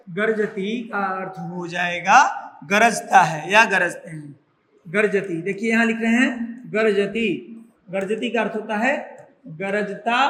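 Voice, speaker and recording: A man's voice: sits high, sharp tone. A man teaching Sanskrit grammar to schoolchildren, repeating words and asking questions as he explains. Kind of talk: classroom lesson explaining grammar. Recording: echoey room with long reverb, faint noise.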